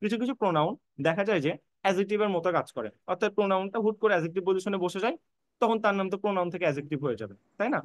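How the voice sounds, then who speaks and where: This online admission-prep lecturer teaches English grammar at a very fast clip in a high voice, repeating points and spelling out words letter by letter. He reassures his students and talks to them directly. The recording is dry.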